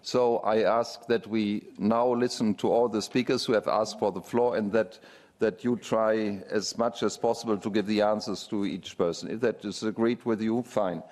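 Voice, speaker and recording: A man's voice: lowish voice, steady tone, a little mellow. Man chairing a debate in a hall. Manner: slow, halting. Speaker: session chair. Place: conference hall. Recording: long reverb of a hall.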